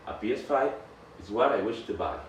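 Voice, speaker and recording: A man presenting a grammar lesson, speaking haltingly, restarting phrases and reading example sentences aloud. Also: fairly low pitch, lively intonation, far from the mic. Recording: echoey room, off-mic, faint background noise.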